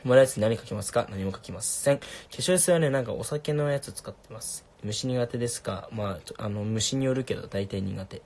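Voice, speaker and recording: A young man casually answering viewer questions on a livestream, laid-back and soft-spoken. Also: lowish voice, a little fast, few pauses, a little hiss or hum.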